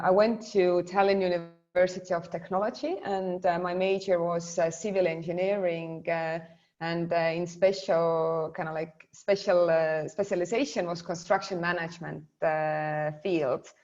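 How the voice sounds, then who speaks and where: A woman's voice: lowish voice, a little mellow. A woman in her twenties with an Estonian accent, presenting informally and hesitantly over a video call. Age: 20s. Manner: hesitant, halting phrasing. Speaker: guest speaker. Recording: muffled, lo-fi video call audio.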